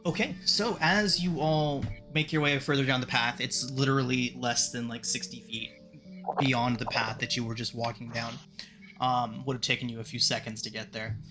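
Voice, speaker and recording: A man's voice: mid-range voice, steady tone, normal speed, pushed and bright, faint music behind. A man casually narrating a tabletop fantasy game as game master.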